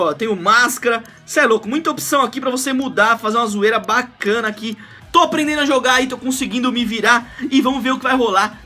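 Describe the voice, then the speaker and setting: A very high-pitched man in his thirties with a Brazilian accent hosts a gaming video from a small indoor room. His gameplay commentary is casual and excited, slangy and jokey, with lots of exclamations.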